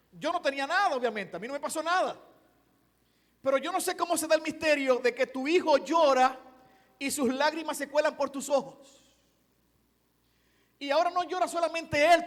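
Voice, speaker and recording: A pastor in his forties preaching an evangelistic sermon in a church, moving between quiet storytelling and fervent preaching. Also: very high-pitched. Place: church sanctuary. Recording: long church hall reverb.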